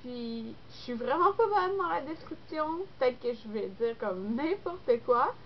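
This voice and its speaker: A young adult woman with a Québécois French accent, her voice high and lively but unhurried, chats to the camera as a beauty vlogger. She's congested from a cold and rambles casually, full of fillers. The lo-fi recording sounds dull, with faint noise.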